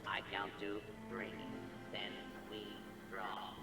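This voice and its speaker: An actor playing a folksy robot cowboy in a video game, with an old prospector's slow Western American drawl and a gravelly voice. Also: male voice, fairly low pitch, completely flat delivery. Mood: gruff challenge. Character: folksy old-west robot cowboy gunslinger and park attendant. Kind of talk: video game character acting. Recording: echoey, distant, under loud music.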